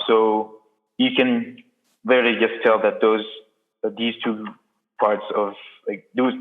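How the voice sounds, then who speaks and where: A young man from Sudan talks in a low, fairly flat voice. He answers casually and hesitantly, often restarting his sentences. The sound is thin and phone-like, with a roomy echo. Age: young adult. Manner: hesitant, many restarts and fillers. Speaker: interview guest. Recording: echoey, phone-like audio.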